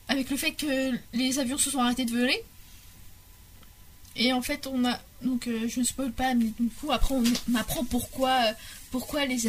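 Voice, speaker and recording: A young woman with a high voice chats through a podcast segment, stumbling and restarting her sentences often. Her talk is full of fillers and hesitations. A faint noise hums behind her. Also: a bit bright. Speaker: podcast columnist. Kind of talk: casual podcast chat.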